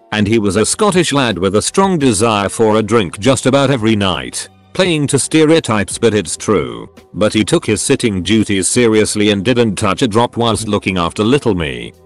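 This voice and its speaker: Low-voiced man reading stories aloud. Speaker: narrator. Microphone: voice-over.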